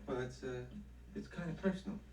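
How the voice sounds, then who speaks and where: An actor playing an evasive, edgy husband in a television soap, hesitant and stammering. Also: male voice, medium pitch, brisk, a little mellow, close to an everyday voice. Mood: uneasy, defensive. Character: evasive, edgy husband dodging his wife's questions. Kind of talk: television soap opera acting. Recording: roomy, distant, hissy 1970s TV soundtrack.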